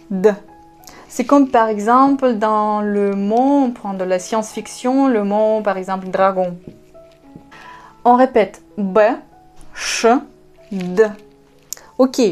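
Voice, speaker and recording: Russian-accented woman, language teacher; slow, patient, mellow voice. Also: fairly high pitch. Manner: patient, spells out letters slowly. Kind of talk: online language lesson.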